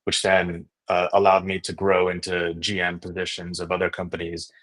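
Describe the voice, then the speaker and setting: Deep and fairly bright, this man's voice carries a completely flat delivery at a moderate pace. He is from Indonesia and a native Indonesian speaker, a startup founder and investor who, as a guest in a casual podcast interview, tells his story enthusiastically while often asking "you know" and "right?".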